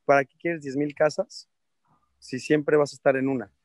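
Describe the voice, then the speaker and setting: Slangy Mexican man telling animated stories. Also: a little high, moderate pace, no echo, clean studio sound. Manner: lively storyteller who acts out other people's voices; laughs often, slangy and blunt. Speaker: interview guest, politician. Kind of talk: casual interview chat.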